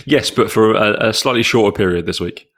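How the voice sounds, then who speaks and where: A man's voice: fairly low pitch, fairly quick, a bit bright. A British man co-hosting a podcast, talking in a casual, conversational way. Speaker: podcast co-host. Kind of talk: casual chat.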